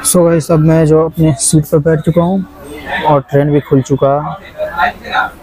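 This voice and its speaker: A man's voice: on the high side, little pitch movement, a little slow, crowd noise. A young man chatting to viewers as a travel vlogger, filming on an action camera inside a train coach and on station platforms. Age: young adult. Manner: chatty, addresses viewers as guys. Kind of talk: casual vlog narration. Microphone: action camera held close. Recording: noisy handheld train recording. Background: train and station noise.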